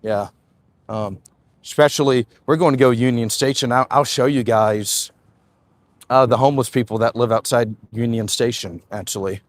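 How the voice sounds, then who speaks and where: This twenty-something host streams live while walking, casually chatting and reading what viewers write. His medium-pitched voice moves at normal speed in a dry recording, peppered with "uh" and "man."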